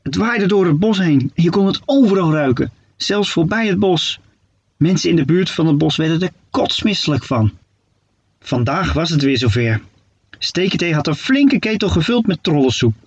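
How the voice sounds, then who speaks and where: A man narrating a children's story with playful, expressive delivery. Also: a little high, normal speed, slightly rough, muffled recording.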